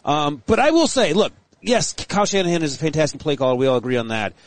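A man giving brisk, opinionated football analysis in a casual chat. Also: a little high, animated, no echo. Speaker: sports analyst.

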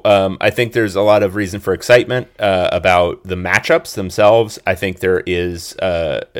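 Low-voiced man co-hosting a sports podcast. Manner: chatty, hedging with fillers, analytical. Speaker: podcast co-host. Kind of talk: casual sports chat.

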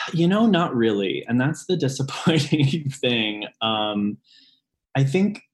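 Speaking slowly, a late-twenties man who works as a ghost tour guide chats casually during an interview. His talk is full of ums, punctuated by sudden, lively jumps in pitch.

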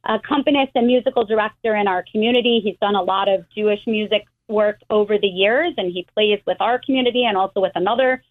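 A middle-aged American woman, a rabbi, explaining things in a measured way with frequent restarts over the phone. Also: medium pitch, steady tone. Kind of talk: phone interview. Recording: tinny phone line.

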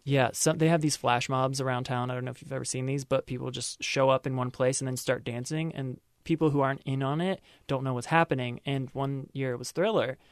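A man's voice: medium pitch, steady tone, brisk, hardly any pauses, no echo, clean studio sound. A man in his thirties co-hosting a podcast, chatting casually in a playful, self-mocking way. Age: 30s. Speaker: podcast co-host. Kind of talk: casual chat.

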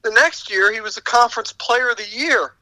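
A man co-hosting a sports podcast, giving casual analysis in a halting way, repeating words as he reasons. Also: very high voice, sharp tone, rough recording.

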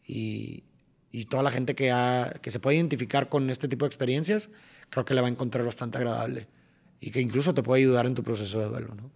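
A man's voice: mid-range voice, steady tone, brisk, vocal fry, darkish tone, husky. A man with a Mexican accent, a podcast guest explaining his songwriting eagerly, often restarting and tapping out rhythms. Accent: Mexican Spanish. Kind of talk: casual interview chat.

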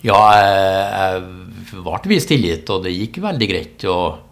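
A man's voice: low-pitched, animated. A middle-aged man with a Trøndelag Norwegian accent, telling stories casually as an interview guest. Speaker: interview guest, business executive. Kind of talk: casual conversational storytelling.

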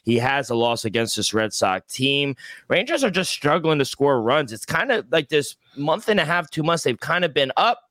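A man's voice: on the high side, lively intonation, normal speed, a bit bright, no room sound, clean studio sound. A man co-hosting a casual sports betting talk, conversational and opinionated. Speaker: sports betting show co-host.

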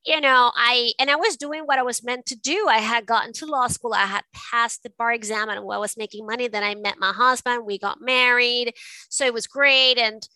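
A middle-aged woman from Venezuela talks through her life story as an interview guest, reflective and given to restarting her sentences. Her voice is bright and crisp, a little higher than most. The recording is dry and close. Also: no room sound, rough recording. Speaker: guest, art advisor. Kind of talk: casual interview.

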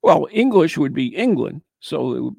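A gravelly, husky man from the United States, his voice sitting a little high, casually reading out ghost stories and cracking jokes with a co-host. He recites the tales, then drifts off into banter. The recording is dry and close. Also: big pitch swings, normal speed, darkish tone, no room sound. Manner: chatty, joking, slips into playful high voice.

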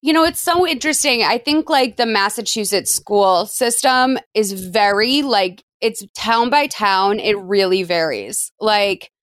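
A woman's voice: medium pitch, fairly bright tone, no room sound. Woman podcast host, chatty and curious, dry close sound. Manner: chatty, curious, quick follow-up questions. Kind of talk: casual chat.

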